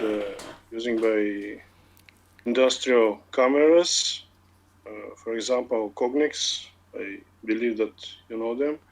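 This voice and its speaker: A man in his forties from Bulgaria with a Bulgarian accent, an automation engineering lead speaking in a casual online meeting, hesitant with many filler pauses. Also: mid-range voice, rough recording. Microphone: computer mic on a video call.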